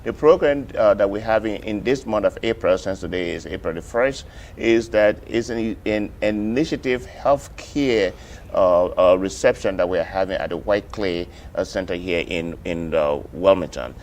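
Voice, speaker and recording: A man from Liberia, a guest in a TV interview, talks in a very low voice and stumbles often through fillers and repeats. A faint hiss of noise sits under his voice. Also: a little mellow. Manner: halting, many fillers and repeats. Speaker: guest, coalition organizer.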